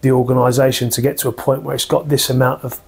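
Gravelly-voiced man, flat and earnest. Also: medium pitch, fast talker. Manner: earnest, full of restarts and fillers. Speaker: football manager. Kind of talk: post-match interview. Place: small office with framed football shirts.

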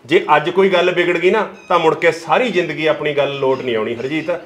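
A man acts out a reasoning elder brother, patient and persuasive. He talks fast in a slightly high voice. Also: slight background noise, natural voice. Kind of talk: rural Punjabi web drama acting.

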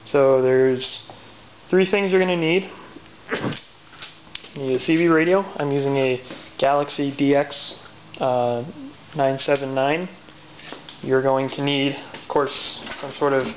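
In a garage or workshop with machinery, a man of average pitch casually and without a script explains a DIY job step by step, matter-of-fact and pausing to find his words. The handheld camera's built-in mic makes the audio dull, with some light background noise.

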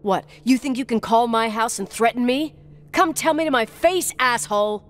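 A woman's voice: lowish voice, expressive, normal speed, natural voice. An actress playing a blunt, defensive young woman who swears and answers curtly, in video game dialogue. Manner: curt and swearing.

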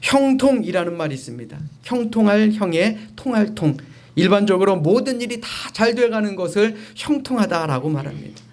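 A man's voice: high voice, very animated, brisk, a little mellow. A man, a pastor, preaching a sermon, exhorting the congregation directly and swelling his voice on key phrases.

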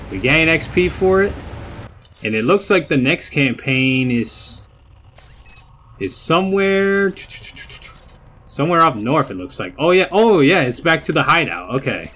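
A young gamer and video host rambles casually through gameplay commentary, often repeating his phrases. His voice is on the high side with a sharp tone, and game music plays beneath it.

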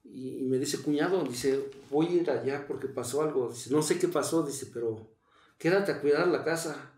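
A middle-aged man with a Mexican accent telling a painful personal story in a halting way, repeating words as he relives it. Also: fairly high pitch, a little mellow, roomy sound. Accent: Mexican Spanish. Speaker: interview guest. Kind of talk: emotional personal testimony.

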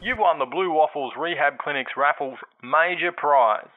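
A man's voice: on the high side, normal speed. A man playing a matter-of-fact caller announcing prizes, heard through a telephone. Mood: businesslike. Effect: telephone filter. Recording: tinny phone line.

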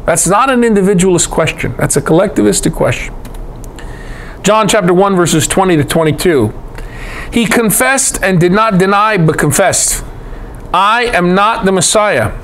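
A man's voice: high-pitched, normal speed, fairly bright tone, a little hiss or hum. A man with an American accent giving a Bible study lecture, reading passages and adding conversational asides to his listeners. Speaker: Bible teacher.

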